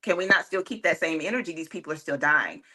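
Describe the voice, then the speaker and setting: Bright-voiced opinionated woman. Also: low voice, fast talker. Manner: earnest, lots of likes and ums. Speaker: panel guest. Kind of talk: casual opinionated discussion.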